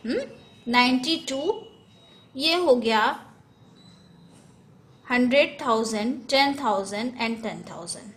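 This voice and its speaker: A woman's voice: a little high, expressive, slow pace, pauses often, fairly bright tone. A woman teaching a math lesson in Hindi, going step by step through place values, often correcting herself and mixing in English number words.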